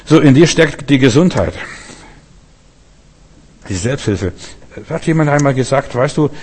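A man's voice: mid-range voice, animated, unhurried, a little mellow, slightly rough, big-room sound. A man preaching a sermon, speaking straight to his listeners and driving points home by repeating them. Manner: addresses listeners directly, emphatic repetition.

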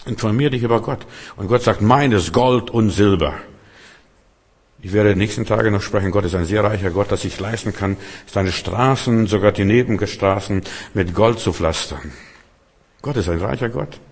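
A man's voice: lowish voice, brisk, breathy edge. A man preaching a sermon, emphatic and direct, who keeps turning to his listeners with repeated questions and short punchy phrases. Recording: long hall reverb.

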